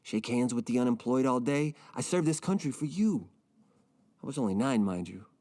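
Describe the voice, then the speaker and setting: A gloomy, self-pitying millionaire, as a man plays him, rambling in a mopey, deadpan way. His voice is mellow and dark, at a middling pitch. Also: normal speed, lightly acted. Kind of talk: comedic audio drama.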